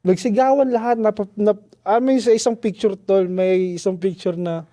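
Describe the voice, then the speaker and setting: A man guest on a podcast, telling a story in a casual, slangy, animated way with lots of restarts. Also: high-pitched, normal speed, dry recording. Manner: animated, slangy, keeps saying "tol"; restarts and trails off often.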